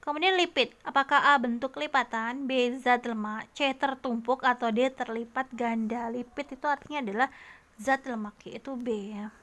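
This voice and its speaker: A woman's voice: a little high, steady tone, moderate pace, fairly bright tone. A woman tutor walking patiently and methodically through vocabulary quiz answers, often adding tag questions. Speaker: test prep tutor.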